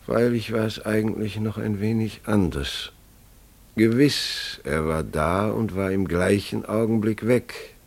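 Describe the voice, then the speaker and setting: In a German radio play, an actor with a lowish voice portrays a grave, bewildered family father. He tells his story haltingly and deliberately, in a hushed, bewildered mood.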